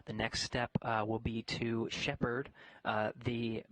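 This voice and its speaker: A man's voice: medium pitch, level tone, takes it slowly, fairly bright tone, no echo, poor audio. A man giving live explanatory commentary on a space mission.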